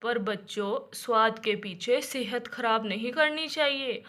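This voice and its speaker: Woman playing a strict dad, lecturing, firm, bright voice. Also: fairly high pitch, unhurried, voice pushed down. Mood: stern. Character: stern father scolding his daughters. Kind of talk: doll storybook acting.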